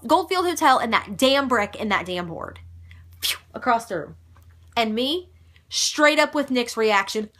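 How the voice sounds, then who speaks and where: Bright-voiced chatty young woman. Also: mid-range voice. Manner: chatty, gushing and emphatic, with mild swearing. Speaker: fan vlogger answering viewer questions. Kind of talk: casual chat.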